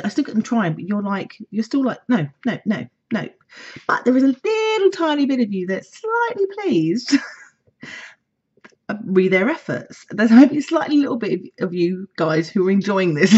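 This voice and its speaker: A woman psychic reader giving a casual horoscope forecast, chatty and animated, laughing often and acting out imagined conversations. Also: deep voice, husky, dull audio.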